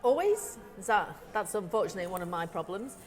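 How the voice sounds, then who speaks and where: A woman co-hosting a casual food tasting chat, talking with her mouth full and filling pauses with ums. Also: on the low side, fairly even intonation, faint music behind. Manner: chatty, eats while talking, many ums. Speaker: deli owner co-host. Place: deli or shop indoors.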